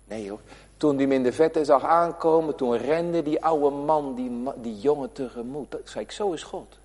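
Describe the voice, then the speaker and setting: A man preaching a sermon as pastor, swinging between loud emphatic calls and quiet asides. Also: mid-range voice, normal speed. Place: church. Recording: reverberant church hall.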